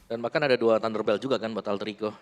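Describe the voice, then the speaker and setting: Fast-talking man, esports analyst. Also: fairly low pitch, fairly even intonation, music in the background. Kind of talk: conversational match analysis.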